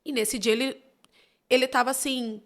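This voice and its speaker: Brazilian woman telling stories, fairly high. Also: moderate pace. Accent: Brazilian Portuguese. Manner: lively, expressive anecdote-telling. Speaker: podcast guest. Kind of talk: casual storytelling chat.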